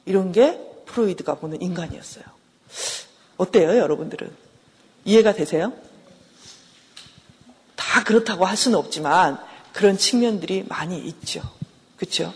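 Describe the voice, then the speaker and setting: A woman's voice: on the low side, moderate pace, long pauses, husky, big-room sound. A middle-aged woman professor giving a conversational counseling lecture, often asking her listeners questions. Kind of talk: classroom lecture.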